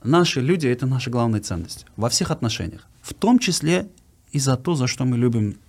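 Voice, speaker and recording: A man's voice: mid-range voice, lively intonation, fairly quick, a little mellow, slightly rough. A man speaks conversationally as an interview guest, earnestly repeating words for emphasis. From Uzbekistan. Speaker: guest giving his views.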